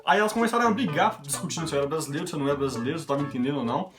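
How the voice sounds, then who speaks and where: Over background guitar music, a young man from Brazil rattles off everyday stories to his vlog viewers in a relaxed, chatty way. He speaks very fast in a voice on the high side, voicing what others said himself.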